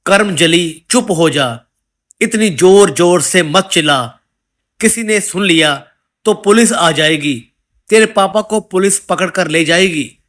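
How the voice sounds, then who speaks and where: A man voicing a harsh old grandmother who scolds a crying child to keep quiet. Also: sits high, slow. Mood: scolding.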